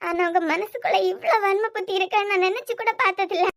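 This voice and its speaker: A woman's voice: extremely high pitch, quick pace, a bit bright. A woman voicing a young wife in a cartoon series, crying and accusing her husband. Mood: distraught. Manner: crying, pleading, reproachful. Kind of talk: cartoon web series voice acting.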